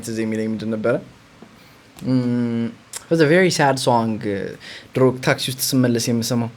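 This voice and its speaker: A man's voice: mid-range voice, darkish tone. A young man from Ethiopia, hosting a casual livestream. He is chatty, reads viewer comments aloud and hums while he thinks. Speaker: livestream host.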